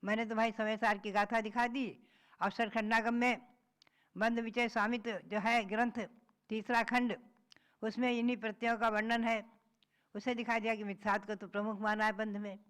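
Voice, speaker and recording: A woman's voice: fairly high pitch, level tone, moderate pace, fairly bright tone. A woman, a Jain nun, giving a patient religious discourse, reciting verses and then explaining them.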